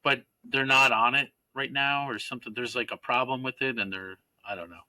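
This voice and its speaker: Chatty male co-host, rambling asides, crisp dry close voice. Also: mid-range voice, steady tone, brisk, bright, forceful tone, no echo, poor audio. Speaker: podcast co-host. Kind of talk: casual chat.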